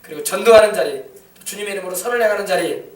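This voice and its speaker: A pastor with a high voice preaches in a church sanctuary, his words ringing through a roomy, echoing space. He stands a little away from the microphone and throws himself into the quoted lines with rising emphasis. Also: very fast. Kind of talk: sermon. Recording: echoey church hall, mic at a distance.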